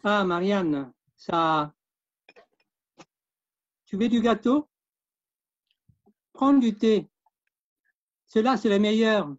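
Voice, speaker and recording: Older man playing a welcoming dad, slow talk, lo-fi sound. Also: sits high. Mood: hospitable. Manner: welcoming, offering food. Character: hospitable older father. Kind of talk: amateur theatre web-series acting.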